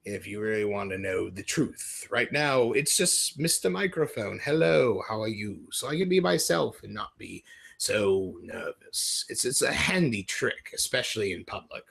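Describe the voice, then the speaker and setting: A man's voice: lowish voice, animated, normal speed, vocal fry, a bit bright, slightly rough. A man from Ohio rambling jokily through a casual livestream in a put-on British-sounding accent. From Ohio, USA. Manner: rambling, self-deprecating, jokey. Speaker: livestream host. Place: dim room at home.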